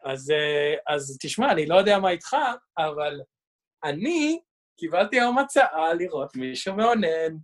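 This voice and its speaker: A man in his sixties telling a story in casual chat, reading out messages with a dry, deadpan delivery. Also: fairly high pitch. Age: 60s.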